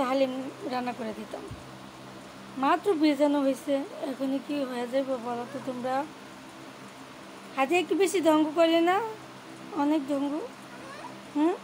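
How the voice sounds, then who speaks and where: A woman's voice: high-pitched, slight background noise, low-quality recording. A young Bangladeshi woman with a Bangladeshi Bengali accent, chatting casually in a home cooking vlog and coaxing and teasing a small child. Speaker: home vlogger and mother. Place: at home, partly outdoors on a windy day.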